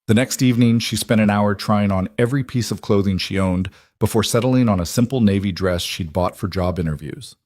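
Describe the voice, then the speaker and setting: A man narrates a romance story at a measured, even pace. His voice sits low and the recording is dry and close. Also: no echo.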